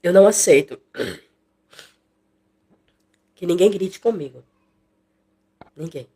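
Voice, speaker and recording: A woman's voice: lowish voice, slow, dark tone, slight background noise. A woman teaching an expository Bible study in a conversational way, repeating phrases and acting out what people say.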